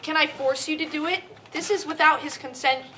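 A woman's voice: sits high, steady tone, a little fast, bright, forceful tone. A young woman co-hosting a casual game show who keeps joking and teasing her partner. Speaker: co-host. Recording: noisy room.

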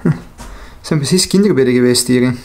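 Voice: medium pitch, brisk. A person with a Flemish accent, wandering through an abandoned house and thinking aloud in casual commentary. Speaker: urban explorer.

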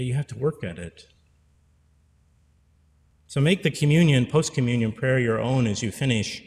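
A priest in his forties gives a sincere pastoral sermon at the pulpit's stand mic, repeating phrases for emphasis. His medium-pitched voice carries as if in a large hall, here a church sanctuary.

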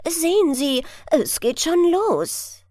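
A woman voicing a gallant young elf prince who speaks courtly and slowly in a storybook. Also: extremely high pitch, sing-song, warm tone, no echo, pitched above the performer's own voice, exaggerated voice. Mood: gallant, excited. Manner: courtly, slow and charming.

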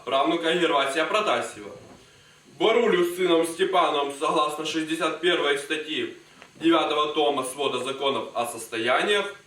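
A schoolboy playing a calm businesslike lawyer. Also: male voice, a little high. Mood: reading. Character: smooth small-town lawyer, businesslike. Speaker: student actor. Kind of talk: school stage play. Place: school stage. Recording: echoey hall, mic far off.

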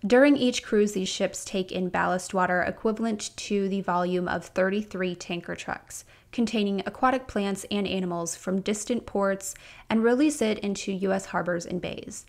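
A woman's voice: medium pitch, normal speed. Woman reading a scripted podcast. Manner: reads from a script, with brief casual asides. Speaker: podcast host.

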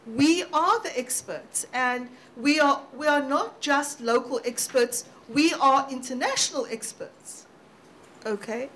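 High-voiced woman answering on a panel. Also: slow pace, fairly bright tone. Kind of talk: roundtable discussion answer. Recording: faint background noise.

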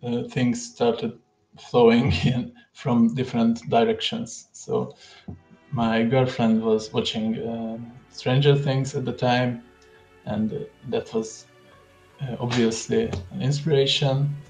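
A young man from Hungary with a Hungarian accent, a guest speaking over a headset on a video call, pausing often and filling gaps with "uh". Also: mid-range voice, little pitch movement, a little mellow, roomy sound, soft background music. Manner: hesitant, many pauses and fillers. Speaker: guest 3D artist. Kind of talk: livestream video call interview.

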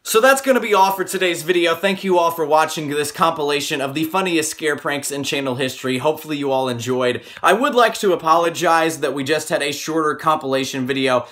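A man in his twenties speaks to camera as a video host. His voice sits a bit high, and he is recorded at arm's length in a room at home. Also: brisk, few pauses, a bit bright. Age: 20s. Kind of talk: vlog talk to camera. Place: small bright room at home.

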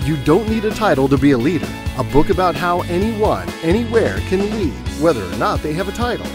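A man's voice: fairly high pitch, sing-song, brisk. A man narrating a promotional voice-over that introduces a speaker and his books. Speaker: announcer. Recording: voice-over over guitar music.

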